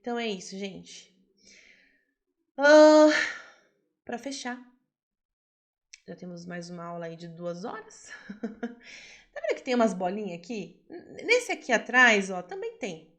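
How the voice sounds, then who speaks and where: A woman teaching a self-development class. She tells a personal story, turns emphatic and then quiet, and asks the class questions. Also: medium pitch, moderate pace. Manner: animated, emphatic, swings between loud and soft; talks straight to the class, asking them questions.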